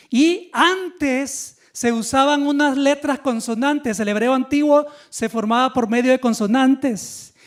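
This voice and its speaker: A male pastor preaching a Sunday sermon in a lively teaching manner, putting questions to the congregation. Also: very high voice.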